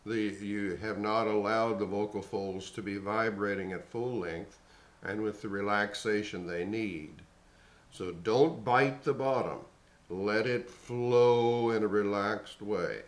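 Guy teaching singing, low voice, takes his time, roomy echo. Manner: slow, measured, instructive. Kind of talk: spoken vocal lesson. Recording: echoey room.

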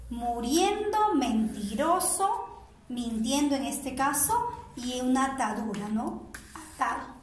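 High-voiced teacher lady, super slow, drilling english verbs. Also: animated, echoey room, a little hiss or hum, low-quality recording. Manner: drills word pairs, checks in with frequent "ok?". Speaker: primary school English teacher. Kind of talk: slow bilingual grammar lesson, spelling words aloud.

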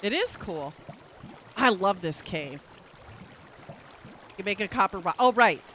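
A woman chatting casually as co-player on a game stream, cheerful and quick to react. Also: mid-range voice, lively intonation, fairly bright tone, slight background noise. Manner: cheerful, quick to gasp and laugh. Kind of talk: casual gameplay chat.

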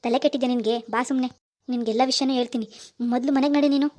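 A woman's voice: high-pitched, steady tone, rapid-fire, darkish tone, voice pushed down. A woman voicing a young husband in a cartoon, earnest, pleading and insistent. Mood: coaxing. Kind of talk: animated cartoon dialogue.

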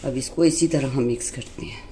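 A woman hosting a home cooking demonstration, explaining each step calmly and patiently. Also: extremely low pitch, brisk, slight background noise. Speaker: cooking channel host. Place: home kitchen.

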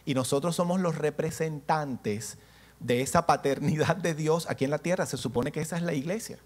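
A man preaching to a church congregation, animated, asking the listeners questions and acting out little scenes as he teaches. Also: on the high side. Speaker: pastor.

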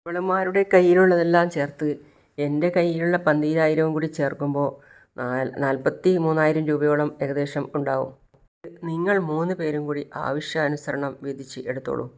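A woman voicing a practical older woman organizing money for her friends, speaking briskly. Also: low voice, steady tone, darkish tone. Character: older sister figure handling money.

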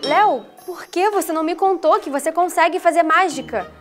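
An excitable kids-show adventurer girl, high voice, earnest and bossy, music behind. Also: fairly quick. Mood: excited, earnest. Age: young adult. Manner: earnest, exclamatory. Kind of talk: children's show acting.

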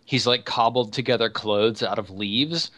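Game master guy, bright voice, talks loose with lots of "like". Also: medium pitch, moderate pace. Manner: casual, lots of "like" fillers. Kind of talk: narrating a tabletop game.

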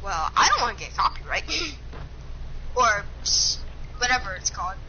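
A woman streaming a shooter game, talking in an excitable, slightly whiny way as she hunts for loot. Her voice is high and very bright. The recording is dull and lo-fi, with a faint hiss underneath. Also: normal speed. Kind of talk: casual gaming stream chat. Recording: lo-fi with faint noise.

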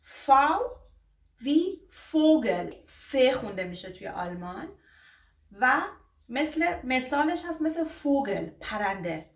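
A woman teaching a beginner alphabet lesson, stretching out each example word slowly between quicker asides. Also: high-pitched, sing-song. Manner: slow, drawn-out example words, quick asides. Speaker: German teacher. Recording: roomy echo, distant from mic.

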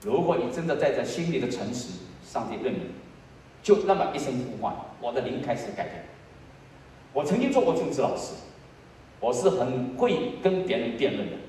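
A man's voice: big pitch swings, normal speed, a little hiss or hum. Pastor in his sixties preaching in an echoey hall. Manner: swings between hushed low lines and loud high emotional peaks. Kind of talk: sermon with personal testimony. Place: church sanctuary. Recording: echoey church hall, voice from far off.

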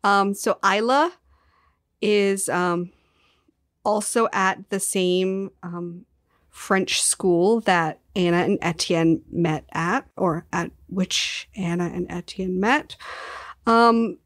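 A woman co-hosting a podcast, talking casually about a book in a lively, blunt way and swearing freely. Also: lowish voice, takes it slowly, no room sound, studio quality. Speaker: podcast co-host.

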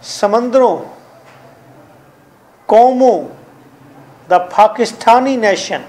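A man's voice: very high voice, extremely slow, darkish tone. A middle-aged man with a Pakistani accent teaching a classroom English grammar lesson, drilling rules and quizzing his students.

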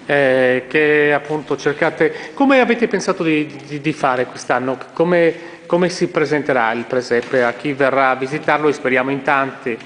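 A man's voice: mid-range voice, moderate pace, hardly any pauses, a bit bright, slight background noise. A man interviewing volunteers inside a large church, asking prompting questions. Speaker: interviewer, reporter. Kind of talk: casual on-site interview. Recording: reverberant church.

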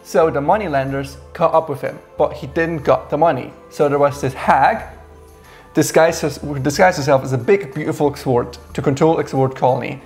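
A man's voice: on the high side, normal speed, soft background music. A man in his thirties co-hosting a game review, telling the backstory with wry sarcasm in a small indoor room. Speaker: co-host reviewing a game adventure. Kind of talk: casual review chat.

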